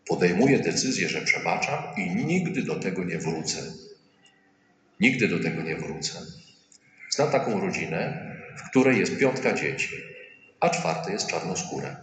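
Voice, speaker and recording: A man's voice: sits low, fairly bright tone, a little hiss or hum. A male priest giving a sermon in a colloquial, humorous way, often acting out quoted voices. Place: church. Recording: echoey church hall with faint ambience.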